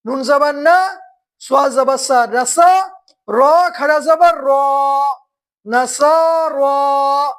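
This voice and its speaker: A woman teaching beginners to read, spelling words slowly syllable by syllable and quizzing her students. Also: high voice. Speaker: Quran reading teacher.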